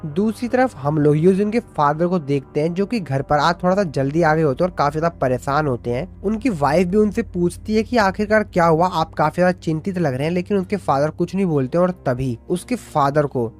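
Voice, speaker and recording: A man's voice: fairly high pitch, a little fast, hardly any pauses, faint music behind. A man narrating an anime episode recap in a chatty storytelling way, quoting the characters' lines.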